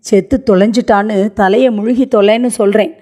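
A woman reading the lines of a hot-tempered, tradition-bound middle-aged son in a story, shouting and scornful. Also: medium pitch, steady tone, a little fast, natural voice.

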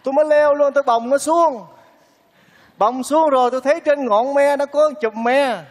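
A man's voice: very high voice, moderate pace, in a large hall. An actor playing a kindly, lovesick man who pleads earnestly with a widow, speaking in a stage comedy sketch. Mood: explaining.

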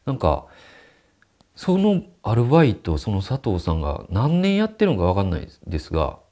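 A man's voice: on the low side, wildly swooping pitch, normal speed, warm tone. A man telling a ghost story and acting out the quoted dialogue.

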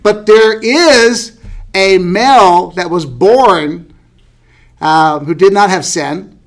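High-voiced man teaching a Bible class. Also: slow pace, fairly bright tone. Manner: conversational, asks the class questions, light laughs.

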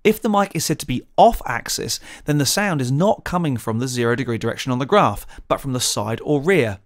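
Man, mid pitch, methodical tutorial presenter, close studio mic. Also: lively intonation, brisk. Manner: clear, methodical explaining. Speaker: presenter of a gear channel. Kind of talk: scripted tutorial narration. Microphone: studio condenser mic, close.

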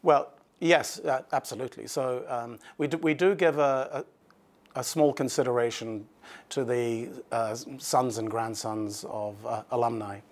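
A middle-aged man answering formally as a school headmaster in an interview, explaining in a measured way with halting restarts. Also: mid-range voice, fairly even intonation. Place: indoor office set. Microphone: lapel.

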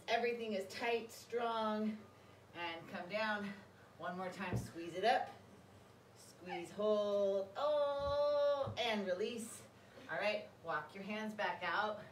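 A woman leading a workout as an aerobics instructor, calling out short encouraging cues and counts while she exercises. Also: mid-range voice. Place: large carpeted room with high vaulted ceiling, indoors. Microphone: camera a few metres away. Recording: roomy, distant mic, clearly noisy.

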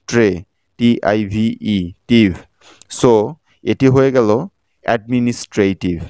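A man with a Bangladeshi Bengali accent narrates an English spelling lesson in a low, smooth voice. He spells out each letter, then sounds the word out slowly. The recording is dry and close to the mic. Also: darkish tone, no echo. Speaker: English teacher.

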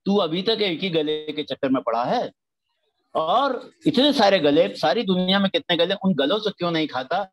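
A man's voice: high-pitched, animated, normal speed. A man voicing a stern divine mother figure who scolds in a told story. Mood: scolding.

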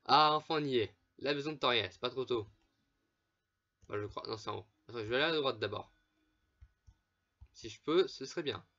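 A man gives loose, chatty commentary while he plays, swearing freely and laughing between remarks. His voice sits at an ordinary middle pitch. The recording is a bit dull and lo-fi, with mouse clicks in the background. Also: brisk, long pauses, pushed and bright. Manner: swears often, laughs, chatty asides to viewers. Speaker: gameplay commentator. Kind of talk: casual let's play commentary.

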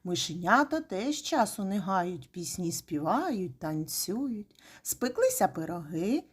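A woman, a kindergarten teacher, telling a folk tale to young children with lively, expressive reading. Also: medium pitch, slow pace, husky.

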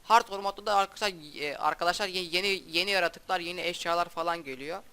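A young man casually commenting on his own gameplay as a YouTuber, talking in a halting, stumbling way with frequent restarts and a flat, subdued delivery. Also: high voice, clear, resonant tone. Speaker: gaming YouTuber.

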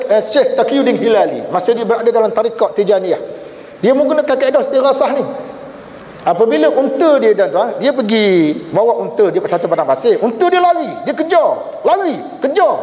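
A man's voice: extremely high pitch, brisk. A Malaysian man giving a religious seminar lecture, telling stories with acted-out quoted voices and often addressing the audience directly. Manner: animated storytelling, acts out quoted voices, addresses audience as tuan-tuan. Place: seminar hall. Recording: echoey hall, faint room noise.

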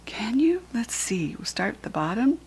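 A slightly high, husky, darkish voice with big pitch swings belongs to this older American woman, who reads at a moderate pace. Hosting a children's read-aloud as a reading teacher, she walks young kids through a picture book with simple questions and by pointing things out.

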